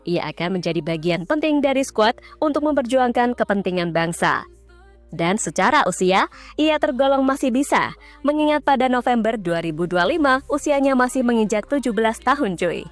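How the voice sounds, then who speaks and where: Woman narrating football news, fairly high voice. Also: lively intonation, normal speed. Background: faint background music.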